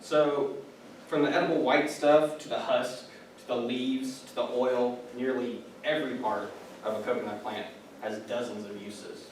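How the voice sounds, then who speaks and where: In an echoey room with background noise, picked up by a distant mic, a student delivers a chatty, informal classroom presentation full of fillers and side comments. He's a young man with a mid-range voice, fairly even intonation, and an unhurried pace.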